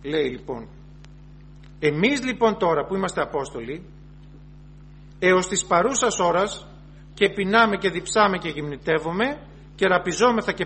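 A man's voice: high voice, a bit bright, a little hiss or hum. A man preaching a sermon, earnestly repeating and rephrasing his points and reading scripture aloud before explaining it.

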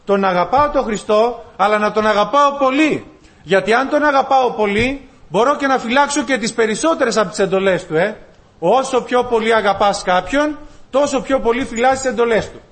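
A man's voice: extremely high pitch, fairly bright tone. A male preacher delivering a sermon, asking his listeners questions and retelling stories with voiced dialogue. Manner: asks the congregation rhetorical questions and acts out dialogue. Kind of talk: sermon with storytelling.

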